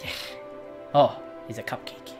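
A woman's voice: a little slow, over music. A woman giving casual, joking, sweary commentary as she streams a video game. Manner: joking, profane, giggly.

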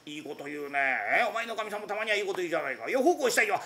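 A rakugo storyteller voicing an idle, cheeky young master who lodges with a tradesman, telling stories in a lively, playful way. The show is staged in a former public bathhouse. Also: mid-range voice, slight background noise. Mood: eager. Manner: lively, quick, playful comic delivery. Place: former public bathhouse used as an event venue.

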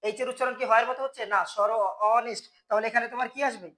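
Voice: mid-range voice, steady tone, rapid-fire, fairly bright tone. A teacher with a Bangladeshi Bengali accent, giving a grammar lesson to school students and answering his own questions. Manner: asks the class questions and answers them himself.

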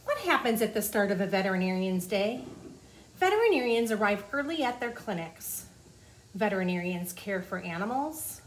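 In a small office with clearly noisy room ambience, a woman in her forties reads a children's nonfiction book aloud like a teacher. Her mid-range voice is very animated and moves at a moderate pace as she explains things simply to young listeners.

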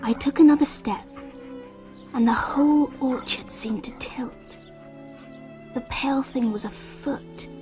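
In a radio drama, an actress with a fairly high voice plays an anxious English girl narrating her summer. Her storytelling is hushed, intense and deliberate.

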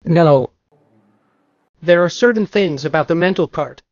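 A man's voice: fairly high pitch, unhurried, no room sound, lo-fi sound. Emphatic older male bowling coach lecturing. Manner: emphatic, repeats points, asks and answers his own questions. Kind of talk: classroom lecture. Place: classroom with a projector screen.

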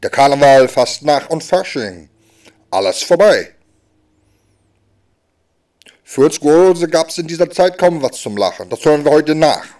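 Man, voice interpreter, stand-up comedy, animated pitch, loud-then-soft swings. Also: a little slow, pauses often, distant mic. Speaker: sign language voice interpreter.

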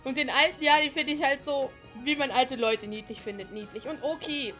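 She has a high, bright voice and talks in a chatty, gushing way, like a let's-play gamer sharing every reaction as it comes. Soft game music plays faintly underneath her. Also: fairly quick. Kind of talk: casual commentary over gameplay.

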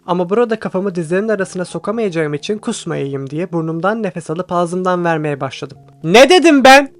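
A man reading a first-person audiobook with tense, steady storytelling. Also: sits high, brisk, dry recording. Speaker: audiobook reader. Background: faint background music.

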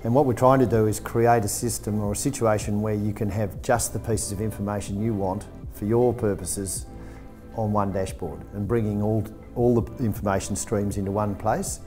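A middle-aged man, a dairy and sheep farmer speaking in a measured way in an office interview. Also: lowish voice, steady tone, mellow, faint music behind. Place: office meeting room.

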